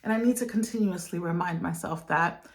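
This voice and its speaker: A woman's voice: fairly low pitch, fairly quick. A young woman speaking earnestly and reflectively to her phone camera at home, with frequent laughs, in a casual vlog. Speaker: lifestyle vlogger.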